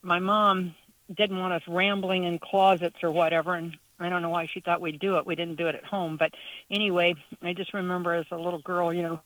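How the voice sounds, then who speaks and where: A woman's voice: lowish voice, a bit bright, no echo. A woman calling in to a radio show over a phone-in line, telling a rambling childhood story in a chatty way. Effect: caller heard over a phone-in line. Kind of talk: casual phone-in chat. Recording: distant phone-in caller audio.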